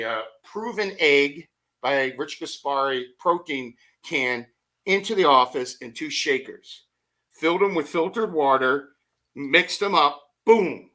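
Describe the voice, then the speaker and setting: A middle-aged man on a motivational podcast, telling energetic stories full of rhetorical questions and acted-out asides. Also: a little high. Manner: acts out his own thoughts in quoted asides. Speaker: podcast guest.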